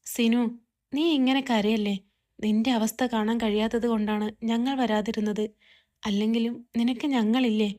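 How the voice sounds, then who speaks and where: Sympathetic sisters-in-law in a spoken family story, soothing a young wife, as a woman narrator reads them. The voice is fairly high and gentle. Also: fairly even intonation, measured pace, close to an everyday voice. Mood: consoling.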